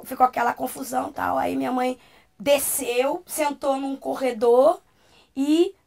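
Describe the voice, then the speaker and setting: A woman's voice: sits high, fairly even intonation, a little slow, vocal fry, a little mellow. A woman with a Brazilian Portuguese accent, a talk show guest, telling a personal testimony with emotion and acting out the voices she quotes.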